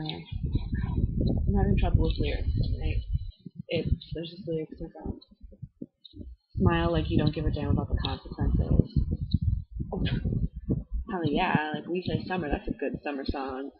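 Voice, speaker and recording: A young adult with a Minnesotan accent chats eagerly and loosely, trailing off into "um"s and "like"s. The voice sits at a middle pitch. It is recorded on a laptop's built-in webcam, so the sound is dull and lo-fi. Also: a little hiss or hum. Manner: enthusiastic, rambling, many "um"s and "like"s. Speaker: vlogger reviewing music albums. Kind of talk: casual rambling chat.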